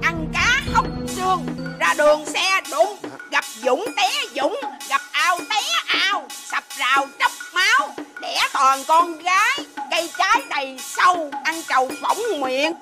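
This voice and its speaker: A shrill, proud neighbor lady. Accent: Southern Vietnamese. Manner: bossy, quarrelsome, rattles off rhyming curses. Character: big, proud, hot-tempered neighbor woman. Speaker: comedy sketch actress. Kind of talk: stage comedy sketch.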